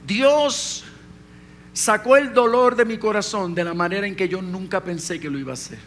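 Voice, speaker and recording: A man's voice: sits high, moderate pace, fairly bright tone, slight background noise. A man who is a pastor preaching a sermon, telling a personal story and speaking directly to his congregation.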